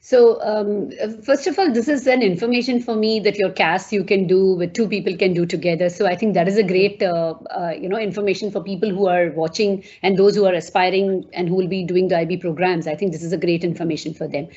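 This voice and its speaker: A woman's voice: lowish voice, fairly even intonation, brisk, few pauses, dull audio. A woman hosting an interview over a video call, effusive and full of fillers. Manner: warm, effusive, frequent fillers. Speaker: host.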